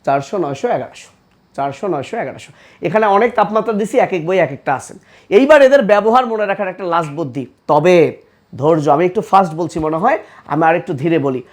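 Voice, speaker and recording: A man's voice: high-pitched, a little fast. Bangladeshi male teacher drilling facts. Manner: energetic, repetitive drilling of facts. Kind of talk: classroom lecture.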